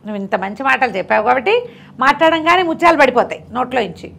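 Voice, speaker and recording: A woman storyteller telling a folk tale in a lively, chatty way, with asides to her listener. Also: high voice, fast, creaky.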